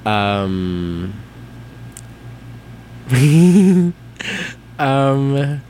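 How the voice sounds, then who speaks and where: A man's voice: medium pitch, sing-song, drawn-out words, mellow, a little hiss or hum. A nineteen-year-old man chatting casually with college friends, hesitant and full of ums, laughing often. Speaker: guest being interviewed.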